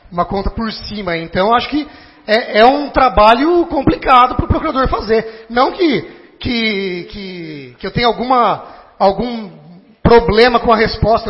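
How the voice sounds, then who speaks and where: A man with a Brazilian Portuguese accent, speaking as a city councilman in a formal debate, halting and argumentative, often repeating words. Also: sits high. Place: council chamber. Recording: dull lo-fi recording with long chamber reverb.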